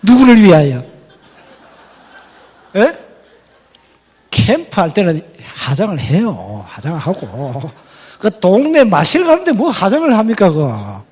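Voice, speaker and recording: Middle-aged man, high voice, folksy teasing preacher, reverberant hall. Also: wildly swooping pitch, a little slow, breathy edge. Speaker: pastor. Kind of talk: sermon. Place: church hall.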